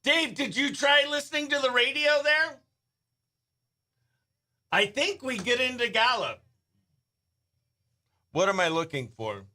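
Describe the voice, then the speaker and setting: In a radio studio, a man who hosts a morning radio show chats upbeat and talkative behind the scenes, sometimes muttering to himself while working. His voice is extremely high, with big pitch swings, an unhurried pace, long pauses and a sharp tone, and there's no room sound.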